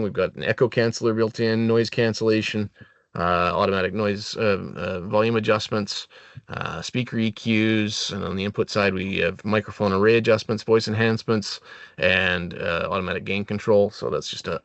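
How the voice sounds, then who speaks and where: A webinar presenter explains a product in a training session, his phrasing halting and full of filled pauses. He has a fairly low, gravelly voice and there's no room sound.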